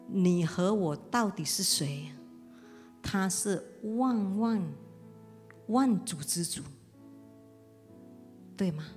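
Middle-aged woman pastor telling her story, earnest and halting, big hall echo, soft music under it. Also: lowish voice. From Indonesia. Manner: earnest, vivid storytelling with hesitant pauses. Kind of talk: personal testimony sermon. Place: church auditorium. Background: soft instrumental music.

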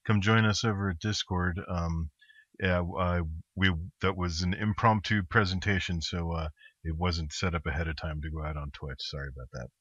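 A man's voice: deep voice, steady tone, moderate pace, fairly bright tone, husky, dry recording, muffled recording. A man making a casual announcement to viewers during an online event.

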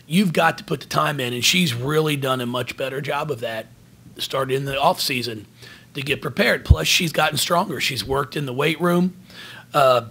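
A man in his forties, a basketball head coach, answering questions at a post-game press conference from behind a table microphone, earnest and halting, often restarting his words. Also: medium pitch, creaky, fairly bright tone, breathy edge. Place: press room in front of a team backdrop. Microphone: table microphone in front of him.

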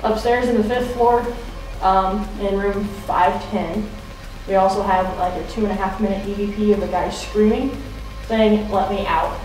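A woman's voice: medium pitch, steady tone, moderate pace, darkish tone, faint music behind. A woman giving casual, explanatory talk as a tour guide on a ghost-hunting vlog. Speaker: tour guide of a haunted building. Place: large bare rooms and corridors of an abandoned building at night. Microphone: camera mic from a distance. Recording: echoey, distant camera sound with faint noise.

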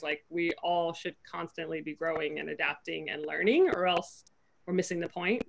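A woman's voice: lowish voice, vocal fry, fairly bright tone. Earnest young woman on a video call. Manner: earnest, reflective, lots of "like", quotes own thoughts in voices. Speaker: panelist, pro basketball player. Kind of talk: panel discussion on a video call. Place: home room. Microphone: video call, laptop webcam.

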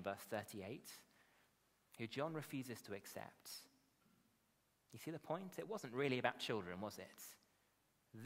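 A British man in his thirties delivers a sermon in an echoey hall. He speaks at a middling pitch into a lectern microphone. His manner is conversational, with frequent tag questions. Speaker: pastor, preacher. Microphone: lectern gooseneck microphones.

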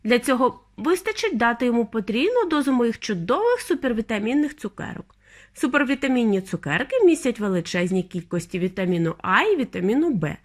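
A woman's voice: a little high, sing-song, a little fast. A woman voicing an eccentric, cheerful male chocolate maker with a breezy, theatrical manner. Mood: enthusiastic.

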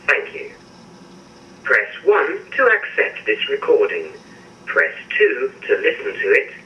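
A man's voice: medium pitch, wildly swooping pitch. An automated male voice reading voicemail menu prompts, heard over a landline phone. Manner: measured, recorded menu announcements. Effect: heard over a landline phone handset. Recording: muffled, distant landline phone audio with faint hiss.

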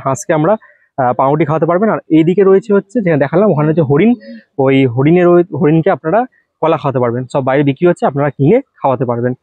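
A man's voice: on the high side, no echo, phone-quality sound. A man hosting a casual travel vlog, guiding viewers chattily around temple grounds as he walks. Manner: rapid chatty guiding, addresses viewers directly. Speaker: travel vlogger host.

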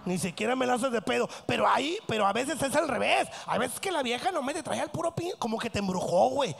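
A middle-aged man with a Mexican accent doing a crude, rowdy stand-up routine on a theatre stage, breaking into shouted voices. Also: extremely high pitch, lively intonation, fast, creaky, husky, faint music behind. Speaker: stand-up comedian.

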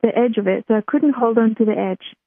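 A woman's voice: a little high, fairly quick, breathy edge, no echo. A woman from Chile, a guest telling a personal story in a chatty way, often restarting her sentences. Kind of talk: casual interview storytelling. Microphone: telephone. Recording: tinny phone line, dry.

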